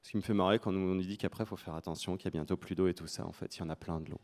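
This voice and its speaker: A man's voice: sits low, steady tone, very fast, a little mellow. A man with a French accent giving an informal conference presentation in a colloquial, joking, self-deprecating manner. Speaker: conference speaker.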